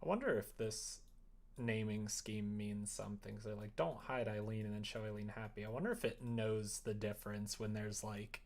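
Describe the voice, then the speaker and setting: A livestream host codes a visual novel while thinking aloud casually, muttering and trailing off mid-thought. The voice is mid-range, with fairly even intonation, a moderate pace, and a darkish tone. Keyboard typing and mouse clicks fill the noisy room.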